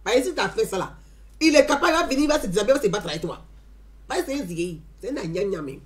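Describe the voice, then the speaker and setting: Woman, animated storyteller with a sing-song swooping voice, emphatic and repetitive. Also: mid-range voice, very fast. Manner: emphatic, repeats phrases, tags lines with "hein". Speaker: community member giving a testimony.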